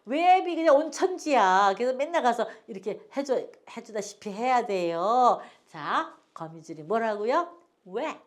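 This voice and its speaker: A woman's voice: on the high side, expressive, measured pace. An older woman teaching an English phonics lesson, patiently repeating each word for learners to echo and drifting into homely stories.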